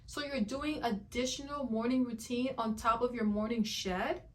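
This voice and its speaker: A woman with a fairly high voice reacts to skincare videos in an emphatic, disbelieving way. She repeats her points for effect and laughs often as she comments. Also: steady tone, moderate pace.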